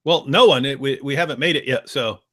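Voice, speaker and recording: A man speaking as a guest on a live-stream discussion, emphatic and argumentative with quick asides. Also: medium pitch, bright, forceful tone, no room sound, studio quality.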